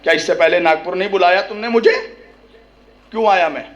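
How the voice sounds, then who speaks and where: A man with a high-pitched voice delivers an impassioned religious oration. He talks straight to the people in front of him, peppering his points with rhetorical questions and a questioning "hain?", and now and then climbs to a shout. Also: fairly quick, lo-fi sound. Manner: rises to shouting at climaxes; speaks directly to the audience. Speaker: religious orator at a mourning gathering.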